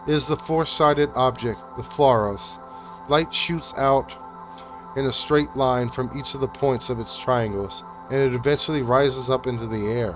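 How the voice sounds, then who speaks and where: A young man reading a visual novel game aloud with halting, uneven delivery and restarts. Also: mid-range voice.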